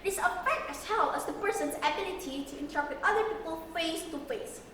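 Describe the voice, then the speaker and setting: High-voiced Indonesian schoolgirl, stiff memorized speech. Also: a bit bright. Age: young teenager. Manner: stiff, rehearsed, declamatory delivery with emphatic pauses. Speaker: student speech contestant. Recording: echoey hall, distant mic, faint noise.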